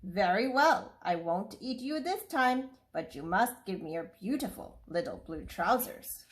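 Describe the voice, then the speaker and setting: A woman voicing a greedy, boastful jungle tiger in a storybook read-aloud, speaking slowly. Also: medium pitch, lively intonation, natural voice.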